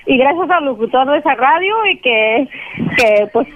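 A woman calling in to a radio show to leave a birthday message, earnest and a bit halting. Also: high-pitched, lively intonation, narrow, tinny audio, slight background noise. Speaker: caller.

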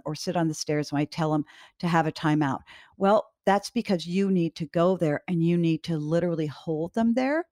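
A woman host giving parenting advice directly to parents, calm, firm and reassuring. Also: lowish voice, dry recording, studio quality.

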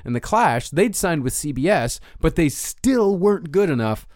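Animated man casually chatting on a podcast. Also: on the high side, moderate pace, no echo, studio quality. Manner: animated, swears freely, laughs a lot. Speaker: podcast co-host. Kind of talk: casual chat and read narration.

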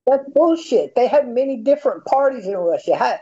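An American man in his fifties with a high-pitched, soft-edged voice. His intonation jumps around as he argues bluntly and profanely in a heated, informal debate. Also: expressive, a little fast, highs cut off. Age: 50s.

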